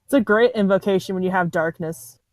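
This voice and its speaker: A woman chats playfully as a player in a tabletop role-playing game, joking and giggling. Her voice sits at a middle pitch, and the sound is dry and close. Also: a little fast, dry recording. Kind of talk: casual tabletop game chat.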